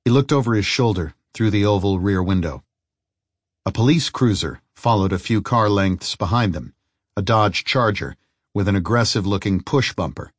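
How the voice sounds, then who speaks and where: Male audiobook narrator, lowish voice, steady even delivery, dry close recording. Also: dry recording. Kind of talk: scripted narration.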